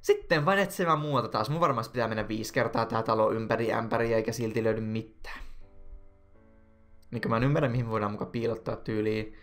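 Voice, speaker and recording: A man's voice: on the low side, little pitch movement, soft background music. A young man casually commenting and reading aloud through a story game, loose and rambling with plenty of fillers. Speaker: let's play co-host.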